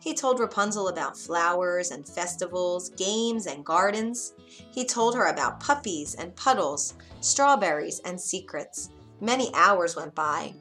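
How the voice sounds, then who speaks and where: Low-voiced woman narrator, calm storybook read-aloud, faint background music. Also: measured pace.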